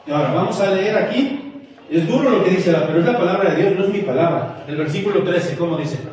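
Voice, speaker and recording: Male pastor, lighthearted sermon, high voice, distant and roomy. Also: lively intonation, fast, darkish tone. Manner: storytelling, joking with the congregation. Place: church hall. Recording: echoey hall from far off.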